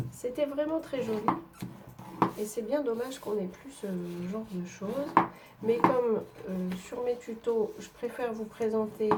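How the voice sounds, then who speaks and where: A woman from northern France, demonstrating papercraft, chats through a tutorial as she works at her table. Her voice sits on the high side and sounds stuffy from a head cold, and her relaxed explanations are peppered with fillers and little hesitations. Faint background noise lingers beneath the recording.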